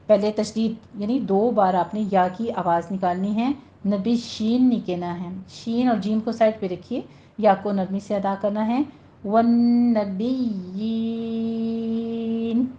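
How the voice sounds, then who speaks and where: Woman teacher explaining recitation rules, warm dark tone, slow drawn-out examples, lo-fi recording. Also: mid-range voice, fairly even intonation. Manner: patient, instructive, drawn-out demonstrations. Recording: dull lo-fi audio.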